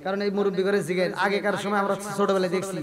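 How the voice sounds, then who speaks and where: A man with a very high voice delivers a lively sermon at a gathering, acting out little dialogues and pressing listeners for agreement. At times he slips into sung chanting. A crowd is clearly heard behind him. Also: racing. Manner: jokey, acts out quoted dialogue, breaks into sung chanting; keeps prodding the crowd for agreement. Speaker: preacher. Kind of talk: Bengali waz sermon.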